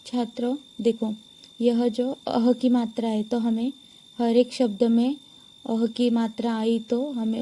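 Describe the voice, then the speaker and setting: A woman teacher giving a lesson to young pupils, slowly sounding out words one by one and repeating them for the class. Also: on the high side, warm tone, a little hiss or hum. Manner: slow, deliberate, repeats each word for pupils to follow.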